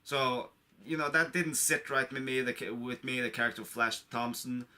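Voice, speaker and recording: The man speaks at a moderate pace in a sharp-toned, medium-pitched voice with little pitch movement. An online video creator getting over a cold, he delivers a casual, unscripted movie review to camera, rambling and repeating himself as an enthusiastic fan.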